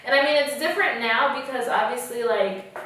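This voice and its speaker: Young female podcast guest from Kenya, chatty, laughs often, high voice; very echoey room, distant mic. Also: a little fast, fairly bright tone, a little hiss or hum. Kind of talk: casual chat.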